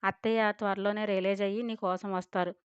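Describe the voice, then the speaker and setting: A woman's voice: mid-range voice, flat delivery, quick pace, clear, resonant tone, no room sound, lightly acted. A young sister of the family, plain-spoken and fond, read by a woman narrator. Dry, slightly dull storybook audio. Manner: frank and affectionate. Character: young woman sister-in-law, caring, frank.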